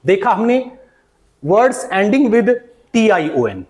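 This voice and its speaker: A man's voice: high voice, big pitch swings, darkish tone. A man with an Indian English accent teaching pronunciation in mixed Hindi and English, calling his viewers "beta" and repeating each word several times. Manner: slow, repeats words many times for drilling.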